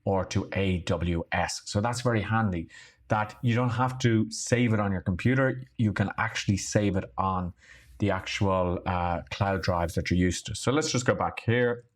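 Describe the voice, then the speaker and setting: A man hosting a weekly online show, giving an upbeat, chatty software review. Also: on the low side, moderate pace.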